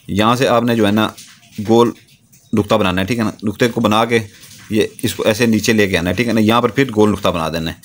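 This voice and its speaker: Low-voiced man giving patient step-by-step instructions. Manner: steady, repetitive, keeps checking understanding. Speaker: spiritual practitioner teaching a ritual.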